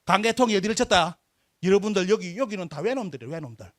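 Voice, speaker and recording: Male history lecturer, high voice, emphatic, fires rhetorical questions and answers them himself. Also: expressive, fast, fairly bright tone. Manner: emphatic, drawing out key words. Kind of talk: live lecture to an audience.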